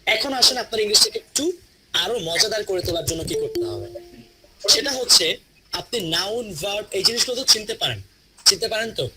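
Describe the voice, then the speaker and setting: A man with a Bangladeshi Bengali accent teaching English pronunciation in a classroom, slowly drawing out model phrases for students to repeat. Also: high-pitched, very animated, very noisy. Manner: slow, drawn-out model phrases for repetition. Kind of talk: classroom lesson.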